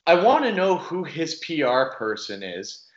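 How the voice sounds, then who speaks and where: A Canadian podcast host in casual chat, heard with tinny sound from a Skype call, talking in quick bursts and restarting his sentences as he lightly rants. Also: on the high side, big pitch swings, roomy sound. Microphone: computer call microphone.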